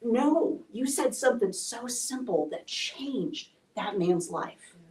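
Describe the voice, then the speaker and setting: A woman's voice: fairly high pitch, animated, slow, a little mellow. A woman telling a candid, emotional personal story to a live audience at a speaker event. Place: event hall. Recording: echoey room from a distance.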